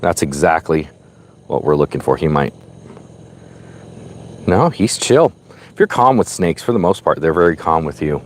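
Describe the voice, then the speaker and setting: A man with a low voice talks casually to his live viewers like an excited wildlife host. He is outdoors by a road, with steady vehicle noise around him. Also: normal speed, pauses often. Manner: excited, admiring wildlife-host narration when showing an animal. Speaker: livestreamer hunting for wild snakes. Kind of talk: casual live vlog commentary. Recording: noisy roadside with car sounds.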